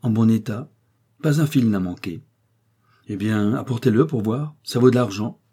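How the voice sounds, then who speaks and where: A man voicing a shrewd, greedy old female secondhand-clothes dealer in an audiobook reading, haggling and quick to take offense. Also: fairly low pitch, dark tone, breathy edge.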